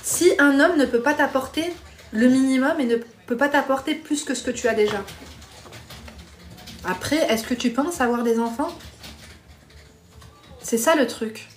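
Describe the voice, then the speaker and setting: A woman's voice: high voice, unhurried, long pauses. Chatty woman hosting a live stream. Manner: chatty, blunt, calls viewers pet names. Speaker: live stream host giving dating advice. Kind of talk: casual live chat reading viewer comments.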